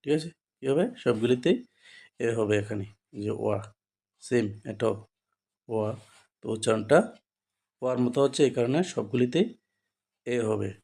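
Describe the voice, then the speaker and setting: A man's voice: mid-range voice, moderate pace, long pauses, warm tone. A man with a Bengali accent teaching an English grammar lesson. He repeats each rule and keeps asking questions to check that students follow. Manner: repetitive, checks understanding with frequent rhetorical questions. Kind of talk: classroom-style grammar lesson.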